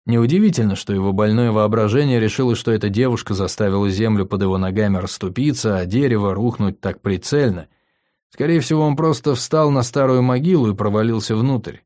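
A man's voice: fairly low pitch, fairly quick, a little mellow. A man reading a fantasy audiobook aloud as first-person narration, with a dry, wry delivery. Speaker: audiobook reader.

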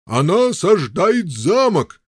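A man's voice: mid-range voice, animated, moderate pace, darkish tone, no echo, studio quality, close to an everyday voice. A man voicing a stolid, fussy knight who talks ponderously and fumbles for words. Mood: agitated. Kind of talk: audiobook character voice.

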